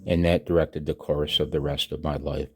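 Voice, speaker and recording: A radio hobby vlogger, an American man in his sixties, reads his own announcement aloud with emphasis and dramatic pauses. He has a bass voice and keeps a level tone.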